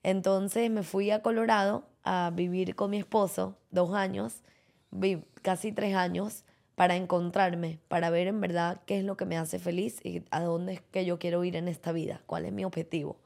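Female guest from Venezuela, low register with some vocal fry, chatty and open. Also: darkish tone. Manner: chatty, talks easily about her life. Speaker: guest, yoga and fitness instructor. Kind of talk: casual interview chat.

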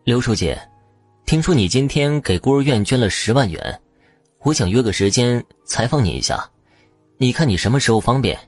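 A man playing a polite young newspaper reporter in an audio story, speaking in a brisk, courteous way. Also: mid-range voice, expressive, breathy edge, dry recording, faint music behind.

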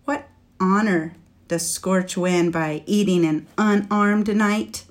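A woman's voice: slow pace, close to an everyday voice. A woman reading the part of a young male knight, speaking earnestly and persuasively in a raised voice. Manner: earnest, pleading, raised pitch. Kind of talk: storybook reading.

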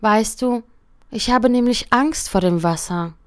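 A woman's voice: a little high, a little slow, no echo, clean studio sound, pitched above the performer's own voice, natural voice. A woman voicing a small, frightened wave in a storybook tale, timid and easily upset. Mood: confiding. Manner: timid, then snappish.

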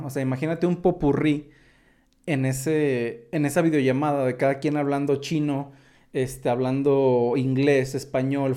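A man's voice: mid-range voice, dark tone. A man with a Mexican accent, chatting casually through tech news and drifting into asides. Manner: chatty, digressive, many fillers like "o sea".

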